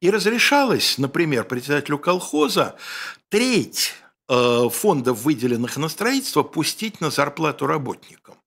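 A man's voice: a little high, big pitch swings, normal speed, a bit bright. A man presenting a spoken history lecture in an ironic, colloquial storytelling manner.

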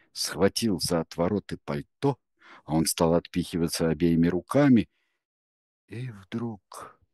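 Low-voiced man narrating an audiobook. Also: a little mellow, no room sound, studio quality.

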